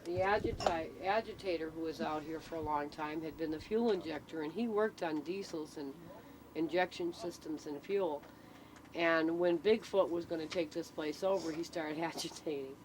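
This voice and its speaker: A woman with a deep, darkish voice speaks at a moderate pace, telling stories casually as an interviewed local storyteller. She stays matter-of-fact and makes sure she's being followed. The recording is amateur and noisy, with vehicle ambience.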